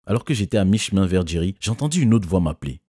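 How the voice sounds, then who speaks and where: A man doing scripted first-person narration of an animated story. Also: sits low, quick pace, no room sound, studio quality.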